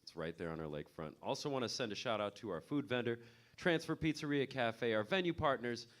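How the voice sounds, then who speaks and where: A man's voice: medium pitch, animated, brisk. A man hosting a live radio broadcast from a venue, with emphatic, promotional announcing. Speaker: radio show host. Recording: live venue with faint crowd. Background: faint crowd.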